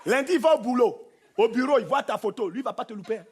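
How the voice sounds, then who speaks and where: A man with a Cameroonian French accent performing stand-up comedy on a theatre stage, animated and punchy, mimicking voices. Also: very high voice, quick pace, breathy edge. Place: theatre stage with live audience. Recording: live show with faint crowd and noise. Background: audience laughter.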